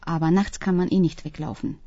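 An irritable young man on a camping trip, grumbling and blunt, as a woman reading an audiobook puts him on. The voice stays low and mellow, in a dry, dull recording. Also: fairly even intonation, fairly quick, no room sound, close to an everyday voice. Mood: chatty. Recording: dull, dry close-mic sound.

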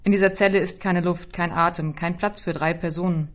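A woman giving a quiet, measured first-person literary reading, her voice often dropping softly, in a slightly dull recording. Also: fairly low pitch, steady tone. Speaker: reader.

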